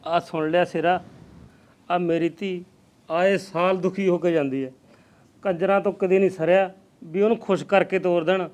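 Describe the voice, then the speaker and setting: An actor playing a poor, aging father who gently consoles his daughter. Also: high voice, fairly even intonation, moderate pace, close to an everyday voice. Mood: tender.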